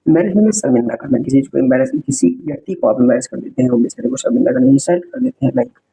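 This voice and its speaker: A man's voice: mid-range voice, big pitch swings, racing, vocal fry, dark tone, husky, low-quality recording. A man teaching an exam-prep spelling lesson, repeating each word, spelling it out letter by letter and explaining its meaning to viewers.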